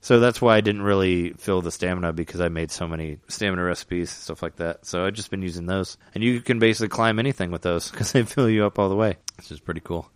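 A man's voice: low-pitched, fast, few pauses, clear, resonant tone, dry recording, studio quality. A man chatting casually about a video game, rambling with lots of fillers and restarts. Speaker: gamer chatting. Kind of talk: casual chat.

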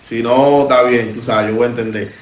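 A man's voice: medium pitch, steady tone, brisk, echoey room. A man hosting a podcast interview, breaking in with brief reactions and polite questions. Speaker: podcast host.

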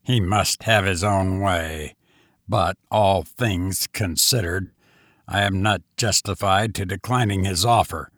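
A polite, careful older painter weighing an offer in formal phrases, voiced by a male narrator. His voice is low and slow. The recording is close and dry. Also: a bit bright, no room sound, full character voice.

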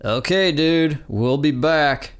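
A man voicing a dim-witted, crude teenage boy with a dopey, drawn-out delivery. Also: a little high, soft background music, pitched above the performer's own voice.

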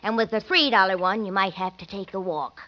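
A woman's voice: mid-range voice, fairly quick, close to an everyday voice. An actress playing a fussy, meddling older farm landlady in a 1940s radio drama, folksy and full of old-fashioned exclamations. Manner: folksy, exclaims "land sakes". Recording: dull old radio recording.

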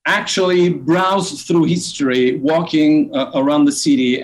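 A man with an Italian accent speaks English slowly, breaking off and restarting his sentences as he looks for words. His voice sits at an ordinary middle pitch, and he comes across unhurried and reflective. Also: rough recording. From Rome, Italy. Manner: slow, halting, restarts sentences. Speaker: tour guide guest. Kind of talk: interview on a call.

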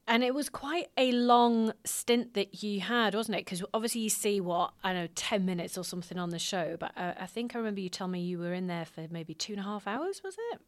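A woman's voice: mid-range voice, brisk, hardly any pauses, dry recording. A woman hosting a podcast, prompting her guest with follow-up questions. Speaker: podcast host. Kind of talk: podcast interview.

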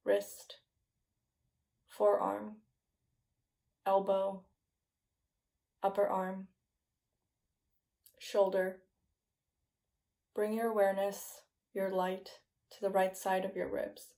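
A woman guiding a yoga nidra meditation in a slow, soothing, hypnotist-like manner with soft phrase endings. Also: medium pitch, flat delivery, creaky. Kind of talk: guided meditation, scripted relaxation narration.

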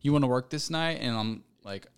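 A man hosting a podcast, chatting in a relaxed, friendly way and calling his guest "bro" and "man". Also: medium pitch, a little fast, smooth. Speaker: podcast host. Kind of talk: casual podcast chat.

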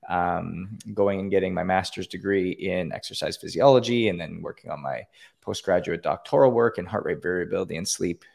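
Calling in to a podcast, a Canadian man earnestly tells his story during an interview, with lots of fillers and restarts. He talks a little fast in a low, creaky voice with a darkish tone, over a call-in line.

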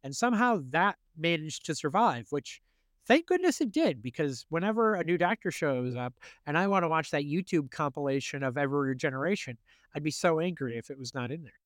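A young male podcast host spins a casual story, animated and quick to swear, acting out what everyone said. His voice sits a little high for a man. The sound is dry and close, with no room around it. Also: no echo. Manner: animated, swears freely, acts out quotes.

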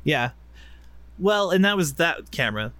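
A man's voice: on the high side, very animated, measured pace, pushed and bright, dry recording. A man co-hosting a casual chat podcast, laid-back and joking, often laughing as he talks. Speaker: podcast co-host.

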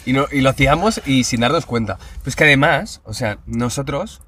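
A man's voice: medium pitch, brisk, fairly bright tone, breathy edge. A young man, a podcast guest talking in a casual, slangy way. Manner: casual, slangy, frequent "sabes" and "rollo".

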